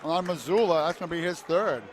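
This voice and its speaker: A man calling a high school basketball game play by play in short clipped phrases, rising to shouts on big plays. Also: fairly quick. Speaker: play-by-play announcer. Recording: loud crowd and arena noise. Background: cheering crowd, bouncing basketball.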